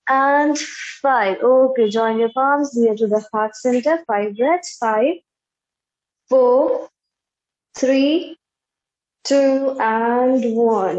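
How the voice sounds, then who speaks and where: A young woman in her twenties with an Indian accent, leading a live online yoga class in measured short commands and slow counts, over roomy, dull video-call audio. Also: high-pitched, darkish tone. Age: 20s. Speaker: yoga instructor. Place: indoor bare room, online video class.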